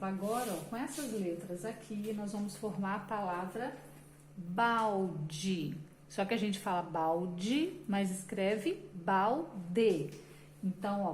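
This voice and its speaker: A woman teaching children to read, sounding out syllables slowly and patiently. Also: medium pitch, lively intonation. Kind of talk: children's literacy lesson. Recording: echoey room with faint background noise.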